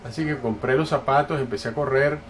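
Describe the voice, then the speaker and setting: Man preaching from across the room. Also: mid-range voice. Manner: conversational, halting, self-correcting. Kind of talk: sermon with a personal story. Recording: distant mic, noisy room.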